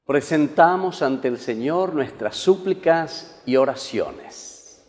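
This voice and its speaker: A man's voice: on the high side, lively intonation, takes it slowly, a little mellow. A man, a priest, preaching a homily and leading Mass prayers in an earnest, solemn way, his voice carrying a cathedral echo. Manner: earnest preaching, solemn liturgical chant-like delivery. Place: large church. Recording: echoey church hall with long reverb.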